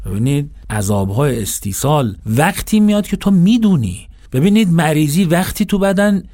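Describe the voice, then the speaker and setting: Animated man giving a sermon. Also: fairly high pitch. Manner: animated, shifts between recitation and conversational address. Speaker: religious lecturer. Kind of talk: Quranic sermon with colloquial asides.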